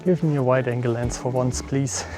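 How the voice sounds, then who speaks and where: A man's voice: mid-range voice, steady tone, moderate pace, music in the background. A man vlogging outdoors on a mountain trail through a small action camera, chatting casually and thinking aloud with little laughs. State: out of breath. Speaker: photography vlogger. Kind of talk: casual vlog narration while hiking.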